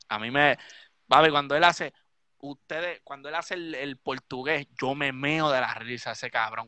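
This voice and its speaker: A man's voice: mid-range voice, pushed and bright, dry recording. A Puerto Rican man, a DJ hosting a live stream, ranting drunk and swearing heavily. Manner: profane, heated, repetitive ranting.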